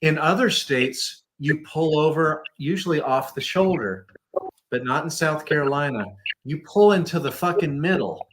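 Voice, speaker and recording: A man's voice: on the high side, moderate pace, fairly bright tone, a little hiss or hum, rough recording. A man co-hosting a live show, ranting in a casual, heavily profane way. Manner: ranting, swears constantly. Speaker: co-host of a live variety show.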